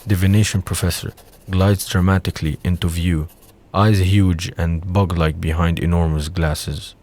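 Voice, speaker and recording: Narrating an audio drama, a man with a notably deep, darkish voice reads scripted scene descriptions and stage directions between the dialogue. His pitch barely moves, and he speaks at a normal speed.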